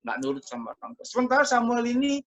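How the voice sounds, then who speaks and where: A man teaching a Sunday school Bible story to children in a lively, chatty way, talking to them directly over a video call. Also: very high voice, quick pace, soft background music. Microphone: computer mic over a video call. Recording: muffled lo-fi video call audio.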